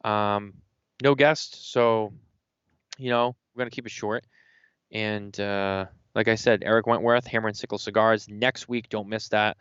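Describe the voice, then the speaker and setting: Young male podcast host, low smooth voice, dry dull lo-fi sound, chatty and opinionated. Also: a little slow, no echo. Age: 20s. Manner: rambling, animated opinions. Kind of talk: casual podcast chat. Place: indoor smoking lounge.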